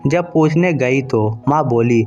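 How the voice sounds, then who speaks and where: A man voicing a young wife who speaks calmly and firmly. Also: medium pitch, measured pace, dull audio, soft background music, natural voice. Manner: calm, then firm. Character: calm, firm young wife.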